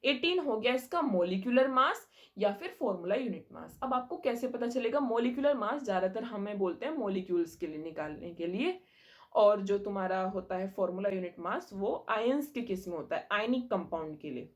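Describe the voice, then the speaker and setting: A woman's voice: medium pitch, animated, moderate pace. A young woman teaching a chemistry lesson in a patient, explanatory way, checking often that her students follow. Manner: patient, explanatory, mixes in English terms and checks understanding. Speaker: science teacher.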